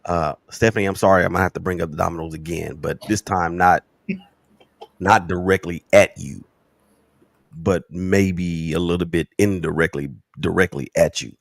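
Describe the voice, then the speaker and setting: A man's voice: low voice, fairly even intonation, moderate pace, creaky, no echo, studio quality. A man co-hosting a panel chat, teasing and playful. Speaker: co-host. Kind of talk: casual chat.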